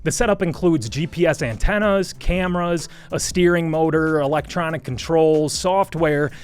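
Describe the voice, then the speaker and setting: A man's voice: on the high side, normal speed, smooth. A man hosting a scripted news commentary show, explaining a legal story in a wry, joking manner with sponsor plugs. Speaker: host.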